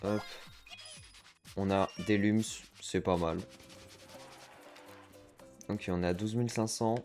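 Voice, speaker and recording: A man's voice: on the low side, steady tone, slow pace, darkish tone, soft background music. A man giving chatty let's-play commentary as a gaming streamer, reacting aloud to the game and dropping English slang.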